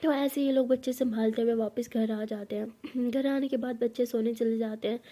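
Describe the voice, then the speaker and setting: Chatty woman storyteller, high voice. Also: steady tone, normal speed, warm tone. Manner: chatty, with asides to the listener. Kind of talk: casual storytelling narration.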